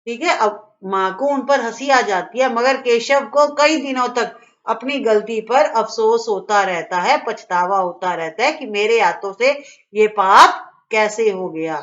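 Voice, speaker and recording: A woman teacher explains a lesson to children in a coaxing tone, often checking that they follow along. Her voice is on the high side, and the recording sounds dull and lo-fi. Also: measured pace, fairly bright tone. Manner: coaxing, keeps asking "okay?".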